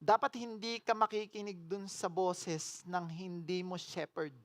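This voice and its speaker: A woman pastor giving a sermon. She mixes English phrases into her preaching, asks the congregation questions, and swings between loud declarations and hushed, earnest appeals. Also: lowish voice, steady tone, unhurried.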